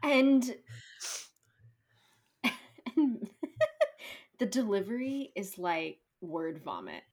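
A woman's voice: medium pitch, expressive, a little mellow. Giggly woman co-host in casual chat. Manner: laughs often, quick asides, casual swearing. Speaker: podcast co-host. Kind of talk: casual film recap chat.

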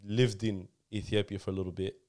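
A man's voice: lowish voice, little pitch movement, fairly quick, a little mellow. A man from Somalia hosting a podcast, talking in a chatty, loose way full of fillers. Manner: chatty, loose, lots of "like" and "you know". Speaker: podcast host. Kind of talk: casual chat.

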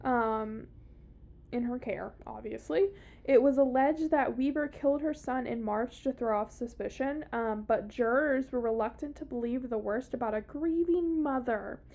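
A woman's voice: on the high side, moderate pace, warm tone. A woman with a Southern US accent co-hosting a podcast, telling a story casually in a blunt, sweary, sardonic way. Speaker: podcast co-host telling a true-crime story.

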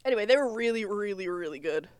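A woman's voice: medium pitch, lively intonation, fast talker, darkish tone, smooth, no room sound. A woman co-hosting a casual podcast, telling anecdotes in an emphatic, conversational way. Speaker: podcast co-host. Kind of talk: casual chat, personal anecdotes.

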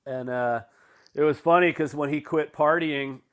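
A man's voice: a little high, steady tone, moderate pace, fairly bright tone, clear, resonant tone. A middle-aged man, a podcast guest, telling rambling, laid-back stories with fillers and the odd swear word. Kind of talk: casual storytelling.

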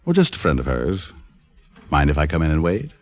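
A man's voice: extremely low pitch, huge pitch swings, a little fast, faint music behind, full character voice. An actor playing a wry, tough male private detective in an old radio drama, with dry wisecracks and hard-boiled narration. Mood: wary.

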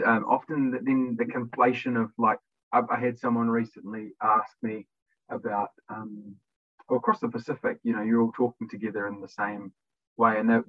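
A young man from New Zealand with a New Zealand accent, a podcast guest talking thoughtfully and carefully in a casual interview. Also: mid-range voice. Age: young adult. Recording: dry, tinny phone-like line.

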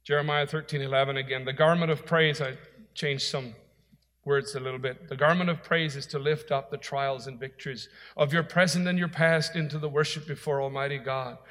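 A man's voice: on the high side, steady tone, brisk, fairly bright tone, in a large hall. A man preaching a sermon as pastor, with an earnest, emphatic delivery.

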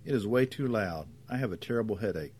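A man's voice: on the low side, lively intonation, quick pace, a little mellow, slightly rough. A man voicing a patient, worried young father who sounds weary and raises his voice to be heard. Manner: plain, weary, raising voice to be heard.

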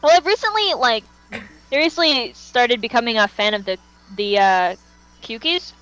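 A woman co-hosts a fan podcast, chatting casually, enthusiastically and with strong opinions as she reacts to a music video. Her voice is fairly high and a bit bright at a moderate pace, with soft background music over dull lo-fi voice chat audio.

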